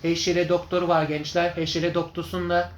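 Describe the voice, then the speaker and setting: A man giving informal vlog commentary on his videos in a rambling, repetitive, halting way. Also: high voice, little pitch movement, slight background noise. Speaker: video channel host.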